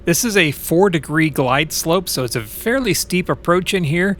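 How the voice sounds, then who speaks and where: A man who is a private pilot, narrating his flight vlog in a relaxed, explanatory way. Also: fairly high pitch, moderate pace, slight background noise. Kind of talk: casual vlog voice-over narration.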